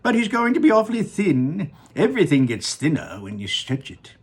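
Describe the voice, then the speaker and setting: A reader doing an eccentric whimsical old candy-maker, high and airy, lilting, slightly husky, storybook reading. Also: huge pitch swings, moderate pace, heavily acted. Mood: breezy.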